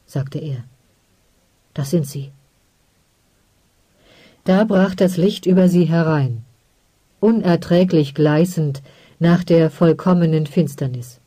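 An audiobook narrator reading a story in a measured, calm way. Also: mid-range voice, no echo. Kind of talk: scripted narration.

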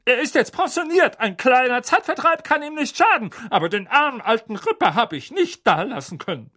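A man voicing a loud, domineering older aunt in an audiobook, barking and scornful. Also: very high-pitched, very animated, brisk, voice pushed up, exaggerated voice. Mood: gushing. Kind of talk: audiobook character voice.

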